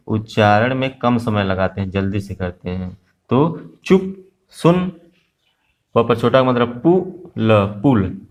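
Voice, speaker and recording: A man teaching a class-one Hindi lesson, patiently asking questions and answering them himself, slow and repetitive. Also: mid-range voice. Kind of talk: Hindi phonics lesson for young children.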